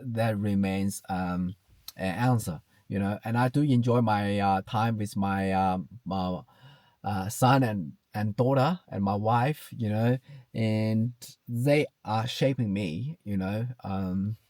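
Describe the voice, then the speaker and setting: A hesitant man in his thirties from China, with a Chinese accent, talks reflectively and personally to camera. His voice is fairly low and darkish, and he speaks slowly with many fillers and restarts, repeating "you know". The studio sound is clean with no echo.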